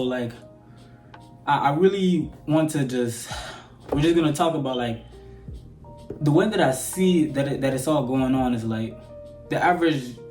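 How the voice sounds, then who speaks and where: An eighteen-year-old man from Sudan, speaking with an American accent in a medium-pitched, darkish voice, vlogs an opinion rant to camera. The audio echoes roomily, and his talk rambles as he keeps asking whether you understand him.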